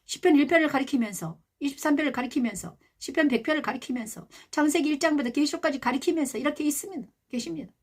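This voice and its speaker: High-voiced woman pastor preaching. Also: fast, few pauses. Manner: emphatic preaching with rhetorical questions; softly quotes a gentle, loving voice of God. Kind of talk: sermon.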